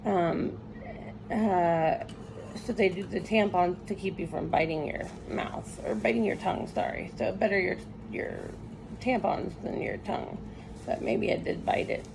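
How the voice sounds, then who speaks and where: Woman, post-surgery patient vlogger, weak and weary, gravelly fry, halting casual delivery over clear background noise. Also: on the low side. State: tired, recovering from surgery. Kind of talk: casual chat to camera. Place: hospital room.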